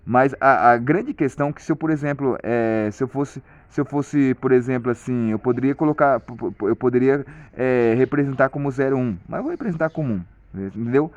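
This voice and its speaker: Man, casual tutorial presenter, halting and repetitive delivery; mid pitch, dull close recording. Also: no room sound. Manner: hesitant, many restarts and repeated "compreende?". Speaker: video lesson presenter.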